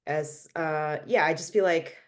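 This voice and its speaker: A young Malaysian singer-songwriter answers interview questions casually, hesitating often with many fillers and restarts and laughing frequently. Her voice sits low and her pace is measured.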